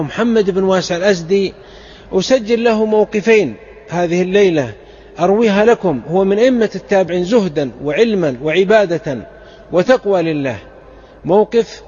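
A man's voice: high-pitched, darkish tone, dull audio. A man from Saudi Arabia preaching a sermon, telling stories of early scholars with fervent, emphatic exhortation. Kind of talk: sermon storytelling.

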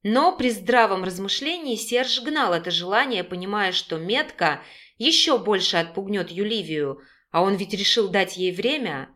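A woman narrating an audiobook in a steady, measured storytelling manner. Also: mid-range voice.

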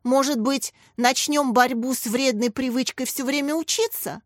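A woman's voice: sits high, steady tone, normal speed, no room sound, clean studio sound, voice pushed up, lightly acted. A woman voicing a cheerful schoolboy ringleader who coaxes his classmates with enthusiasm. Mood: coaxing.

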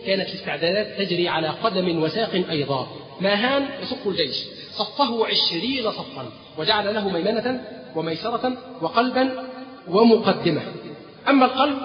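A man with an Egyptian accent giving a religious history lecture, telling the story and prompting his listeners with fill-in questions. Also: high-pitched. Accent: Egyptian Arabic. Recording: dull, echoey hall recording.

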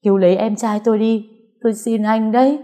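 A woman's voice: on the high side, steady tone, brisk, mellow, pitched above the performer's own voice, natural voice. A woman voicing a frantic young woman pleading for help, her voice raised. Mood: desperate pleading.

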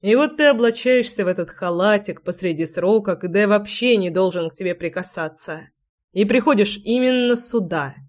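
A woman reading aloud and voicing a tender, teasing young husband in a soft murmur. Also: lively intonation, moderate pace, lightly acted. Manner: hushed, low murmur.

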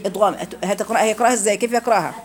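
A woman's voice: mid-range voice, racing. A woman with an Egyptian accent teaching Quran recitation rules in a classroom lecture, explaining each rule and quizzing her students with questions.

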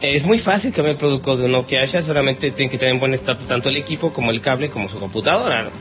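A Mexican man hosts a podcast, playfully answering listener questions in a theatrical, mock-exasperated way, his medium-pitched voice racing with lively intonation. The sound is dull, lo-fi and radio-like, with music playing behind him.

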